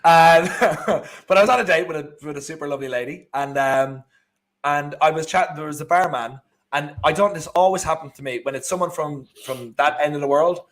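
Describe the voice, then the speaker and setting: Co-hosting a live football watchalong, an Irish man talks fairly quickly in a voice on the high side. His casual match chat rambles, with frequent restarts.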